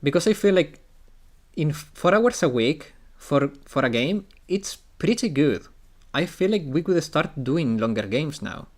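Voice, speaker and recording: Unhurried man chatting on a game stream. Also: on the high side, animated. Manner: thinking aloud, repeating phrases. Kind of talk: casual live-stream chat.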